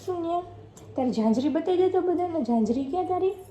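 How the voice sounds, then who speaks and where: A young woman vlogging at home, gently asking her toddler questions. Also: very high voice, lively intonation, fast, reverberant, highs cut off, slight background noise. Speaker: vlogger and mother. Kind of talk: casual home vlog chat with toddler.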